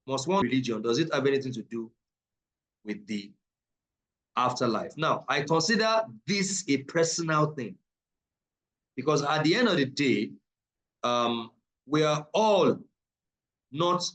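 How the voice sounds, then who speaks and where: A man's voice: on the high side, low-quality recording. A man, from Africa, teaching numerology and esoteric ideas in a live online class, taking questions and stressing points by repeating them. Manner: emphatic, repeats key phrases, preacher-like.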